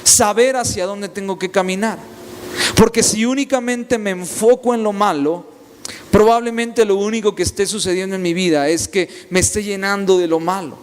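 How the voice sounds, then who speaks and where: A man's voice: sits high, steady tone, moderate pace, slight background noise. A young man preaching a sermon, telling personal stories with repeated, emphatic phrasing. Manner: storytelling, repetitive emphatic phrasing. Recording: long reverb, faint ambience.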